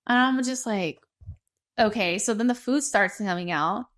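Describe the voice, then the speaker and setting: A woman hosting a mukbang, telling a story in an animated way, swearing and acting out what people said. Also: a little high, moderate pace. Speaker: mukbang host. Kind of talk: casual storytelling over a meal.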